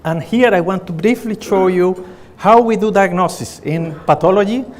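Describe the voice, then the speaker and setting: A middle-aged man with a Chilean Spanish accent presents his research at a conference, speaking earnestly and often pausing on fillers. His voice sits a little high for a man. A long reverb trails his words around the conference hall. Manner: earnest, with frequent fillers and restarts.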